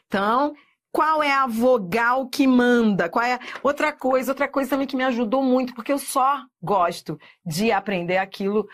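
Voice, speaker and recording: A woman teaching Portuguese grammar in a video lesson, lively and emphatic, drawing out example words and checking in with the viewer. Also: on the high side, moderate pace. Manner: asks rhetorical checks to the viewer.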